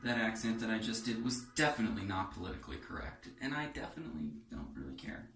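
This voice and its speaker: A man's voice: fairly low pitch, animated, fast talker, a bit bright. A man chats through his shave in a hard, echoing bathroom, joking and musing aloud as he goes. He sits back from the camera's mic, so his voice carries some distance and room sound. Faint music plays in the background. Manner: joking, rambling, thinks aloud while working. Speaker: vlogger demonstrating a shave. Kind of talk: casual how-to chat. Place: home bathroom.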